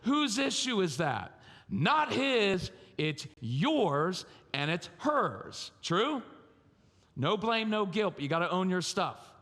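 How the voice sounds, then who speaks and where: Lively man speaking in an echoey hall. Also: high voice, slow. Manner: lively, humorous, addresses audience directly. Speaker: parenting conference speaker. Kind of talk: live conference talk. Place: large church or conference hall. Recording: reverberant conference hall.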